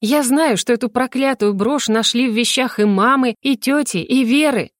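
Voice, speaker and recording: An anxious young woman, her voice climbing high and sharp as she pleads and accuses, as a woman narrator plays her. Tense and insistent, read close in a dry, deadened room. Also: fairly quick, dry recording, natural voice. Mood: agitated. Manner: tense, pleading, rising to shouts. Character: young woman, frightened sister turned accuser.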